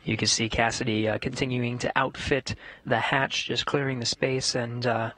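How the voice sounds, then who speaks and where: A man giving live mission control commentary with halting, measured explanations. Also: mid-range voice, level tone, fairly bright tone, poor audio.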